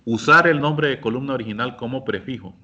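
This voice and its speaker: A man teaching a software class, explaining each step patiently and speaking directly to his students. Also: mid-range voice, a little fast, muffled recording, slight background noise. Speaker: instructor. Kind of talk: screen-share software lesson.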